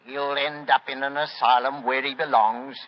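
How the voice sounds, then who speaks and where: An actor playing a deferential, plain-spoken police inspector in a 1940s radio drama. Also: male voice, medium pitch, flat delivery, normal speed, lightly acted. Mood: chatty, relieved. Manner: chuckling, deferential. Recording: muffled, faintly noisy 1940s radio recording.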